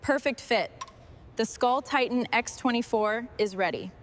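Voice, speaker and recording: A woman runs the team at a truck restoration workshop, her slightly high voice unhurried as she gives short, encouraging instructions and comments while the work goes on. There's slight background noise.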